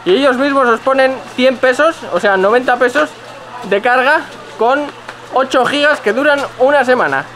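High-voiced Spanish man vlogging outdoors. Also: normal speed, a bit bright. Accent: Spain Spanish. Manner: blunt, joking, swears casually. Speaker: travel vlogger. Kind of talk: casual travel tips to camera. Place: narrow outdoor city alleys. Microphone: handheld camera at arm's length.

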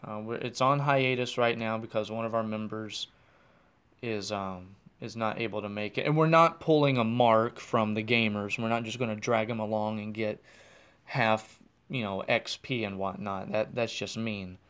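An American podcast host records a casual solo chat from his car while driving, rambling and restarting sentences to correct himself. He has a lowish, steady voice with a moderate pace and a bit of brightness, and the tone is clean.

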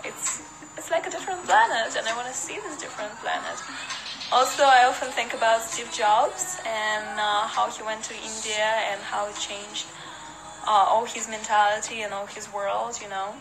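A young Russian woman with a Russian accent livestreams to her fans from her apartment living room, holding her phone at arm's length while music plays in the background. Her voice is on the high side at a normal speed, and the recording is rough. Relaxed and chatty, she laughs often and answers viewers' comments one by one.

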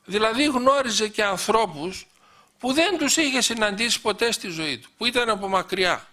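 A man's voice: high-pitched, animated, bright, forceful tone. A middle-aged man recounting personal memories in an anecdotal storytelling talk, quoting dialogue with frequent "he says" asides. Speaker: guest speaker recounting memories.

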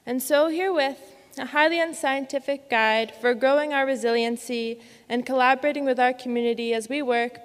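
A young woman in her twenties reading a prepared award acceptance speech from a podium microphone, earnest, measured and lyrical. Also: high-pitched. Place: large dark auditorium stage. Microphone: podium microphone on a stand. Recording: long hall reverb from the auditorium.

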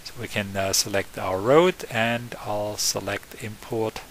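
A man giving an unscripted, step-by-step software tutorial, often pausing with fillers and correcting himself. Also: on the low side, steady tone, a little hiss or hum, low-quality recording. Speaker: software trainer. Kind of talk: screen-recorded software tutorial.

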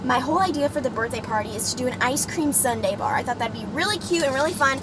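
A woman in her twenties talking casually to a handheld camera, chatty and excitable as she goes from car to store. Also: sits high, fast. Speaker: vlogger. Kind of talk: casual vlog talk to camera. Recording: noisy vlog audio with traffic sounds.

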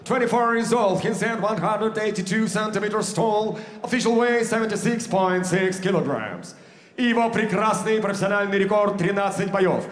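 A man working as an arena announcer, introducing fighters with booming, drawn-out calls in an echoing venue. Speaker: ring announcer. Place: large sports arena. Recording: echoey arena PA sound.

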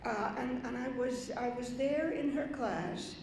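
Before reading her poetry, an older Dominican woman stands at a podium in a big conference hall and shares anecdotes at a leisurely pace, dropping in little asides. Her pitch sits on the high side and her tone is darkish. A gooseneck mic picks her up, and the hall is very echoey with a faint hum of noise.

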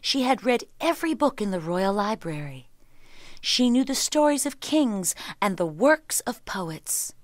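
Expressive woman reading a children's tale. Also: mid-range voice, measured pace, no room sound, clean studio sound. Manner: expressive storybook telling. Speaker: storyteller. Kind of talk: scripted children's story narration.

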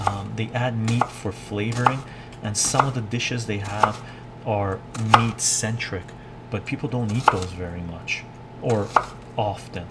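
A middle-aged man, born in Iran and living in Canada, hosts a casual cooking livestream from his home kitchen, reading viewer comments aloud and answering them. His lowish voice muses haltingly over loud chopping and clattering.

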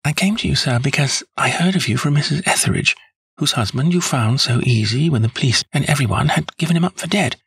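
A man's voice: mid-range voice, a little fast, creaky, fairly bright tone, breathy edge, no room sound, voice pushed up, heavily acted. A man voicing a nervous, chatty, good-humoured young woman in an audiobook story. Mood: anxious, earnest. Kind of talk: audiobook character voice.

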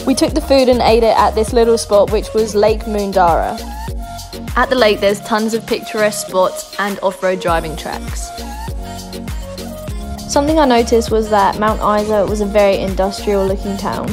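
A woman's voice: mid-range voice, normal speed. A young Australian woman from Darwin giving a chatty, upbeat, scripted travel voice-over full of tips. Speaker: travel vlogger. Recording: voice-over with loud background music.

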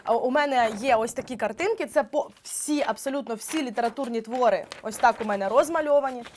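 A young woman with a slightly high voice gives a lively exam-prep lesson. She explains each point through examples and keeps talking with an easy, casual flow of fillers. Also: fast talker, a little hiss or hum. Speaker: teacher.

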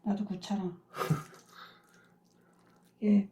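An older woman, a mother, chatting casually in a home kitchen and giving brisk, matter-of-fact cooking instructions. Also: medium pitch, level tone, dark tone.

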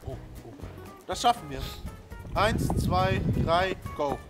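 A young man chatting casually and excitedly in an outdoor food challenge, egging on his friend. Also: sits high, takes it slowly, loud music behind the voice. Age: young adult. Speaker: challenge host. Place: snowy garden, outdoors. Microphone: camera a few metres away.

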